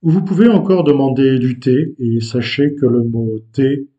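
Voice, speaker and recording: Slow, mellow-voiced man teaching vocabulary. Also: mid-range voice, expressive, lo-fi sound. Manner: slow, patient, with hesitant pauses and fillers. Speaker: language teacher. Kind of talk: explaining vocabulary to learners.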